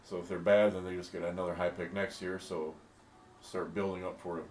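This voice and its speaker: A man in a casual discussion, thinking out loud in a relaxed way. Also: low voice, a little fast. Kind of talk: casual draft pick discussion. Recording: echoey room with faint hiss.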